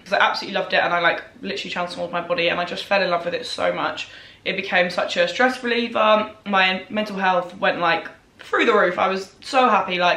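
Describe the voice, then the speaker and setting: A woman's voice: medium pitch, fairly bright tone. A young woman in her early twenties chatting casually to viewers, rambling and self-deprecating, repeating words for emphasis. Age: early 20s. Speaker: vlogger answering viewer questions. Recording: echoey room.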